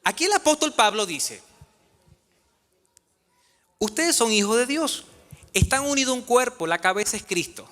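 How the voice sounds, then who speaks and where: Man, pastor, lively sermon, swooping pitch, echoing church hall. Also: normal speed, long pauses. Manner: preaching with rhetorical questions to the congregation. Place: church sanctuary.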